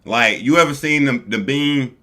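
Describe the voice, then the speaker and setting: A man's voice: mid-range voice, moderate pace, bright, forceful tone. A man hosting a live stream, casually reacting to a video in loose, slangy talk aimed at his viewers. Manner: loose, chatty, slangy, talks to viewers as family. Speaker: streamer host.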